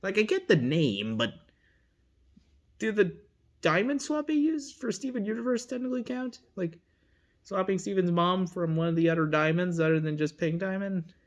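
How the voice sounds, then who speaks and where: Giggly rambling fandom vlogger, lively pitch. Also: moderate pace. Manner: rambling, giggly, lots of self-corrections and asides. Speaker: fandom video creator. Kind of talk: casual rambling commentary.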